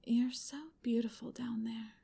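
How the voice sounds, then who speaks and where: A woman in a whispered ASMR roleplay, giving soft, commanding instructions in an intimate hush. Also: fairly high pitch, level tone, unhurried, gravelly, husky. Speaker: roleplay narrator.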